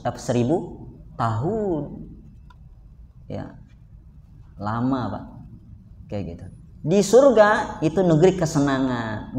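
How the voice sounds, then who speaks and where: A man preaching a casual, joking sermon to a live congregation, often turning to his listeners directly. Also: fairly high pitch. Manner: jokey, keeps addressing listeners directly. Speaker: Islamic preacher. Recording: echoey hall with faint background noise.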